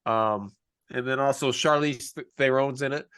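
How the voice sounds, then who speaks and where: Mid-pitched man chatting about films. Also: moderate pace, a bit bright, clean tone, no room sound, studio quality. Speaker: podcast co-host. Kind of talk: casual movie chat.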